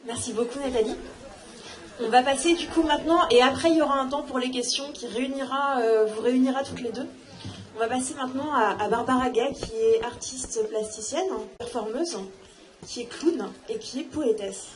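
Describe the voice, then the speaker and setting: A woman moderating a panel, briskly introducing the next speaker. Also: sits high.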